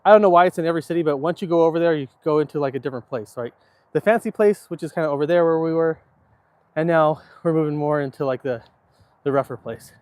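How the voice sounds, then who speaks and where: A man's voice: fairly high pitch, fast, a little mellow, no echo. A middle-aged American man chatting casually and easygoing on a live stream while walking, answering viewer comments. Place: outdoors on city streets, walking. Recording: outdoor background noise while walking. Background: outdoor ambient noise.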